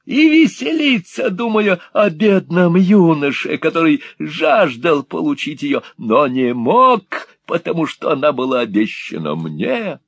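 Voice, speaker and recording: A man voicing a spiteful, gloating old miser in a storybook reading, with a shrill, sneering, cackling voice. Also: big pitch swings, a little slow, hardly any pauses, no echo, exaggerated voice.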